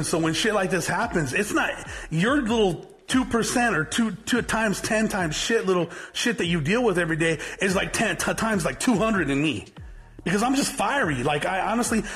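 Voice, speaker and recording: Speaking to his viewers in a high-pitched, fairly bright voice, a forties-aged business owner and motivational vlogger gives an unscripted pep talk. His style is blunt, fiery, rambling and repetitive, with plenty of swearing and restarted sentences.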